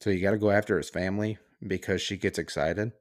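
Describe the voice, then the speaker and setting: Man, very low pitch, casual podcast monologue, sarcastic, heated, profane. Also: fairly even intonation, quick pace. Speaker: podcast host. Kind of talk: casual solo rant.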